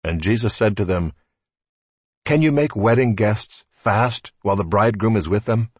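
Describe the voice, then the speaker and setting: Low, husky man reading scripture. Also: normal speed, no echo, clean studio sound. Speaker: scripture reader at a church service.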